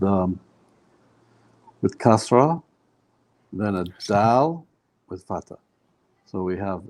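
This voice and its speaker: Man, student in a reading lesson, curious, careful, lowish, mellow voice. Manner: curious, sounds out words carefully. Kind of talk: asking questions in a lesson.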